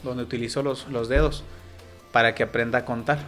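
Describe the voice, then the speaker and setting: A man's voice: mid-range voice, fairly even intonation, a little fast, fairly bright tone, faint music behind. A man with a Mexican Spanish accent, a sign language interpreter guest, explaining patiently with examples in casual interview talk.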